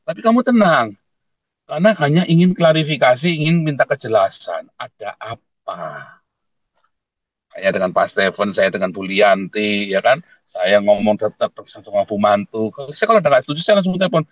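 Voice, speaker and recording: A man preaching a sermon in blunt, emphatic with a lilt, swinging between loud peaks and quiet asides and addressing listeners as brothers and sisters. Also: on the low side, animated, normal speed, no room sound, muffled recording. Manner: keeps calling listeners "saudara". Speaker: pastor.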